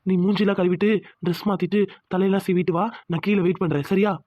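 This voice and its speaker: A woman doing a fast, firm young husband. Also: medium pitch, fairly even intonation, warm tone, no echo, clean studio sound, close to an everyday voice. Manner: firm, lecturing, reassuring. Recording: dull lo-fi sound.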